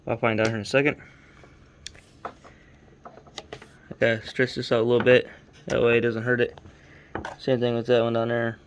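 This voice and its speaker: A man in a home workshop talks through his model truck build late at night. He sounds sleepy and easygoing, rambles and corrects himself, and his voice sits at a medium pitch. A faint hiss runs behind the phone recording. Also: level tone, normal speed, long pauses. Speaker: RC hobby vlogger. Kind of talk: casual build update vlog.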